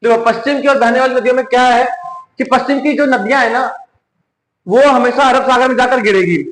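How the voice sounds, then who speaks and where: A man's voice: very high voice, steady tone, fairly quick, a bit bright, slight background noise. A man with a Hindi accent teaching an exam-prep lesson, repeating each question and answering it himself. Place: coaching classroom. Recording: echoey room.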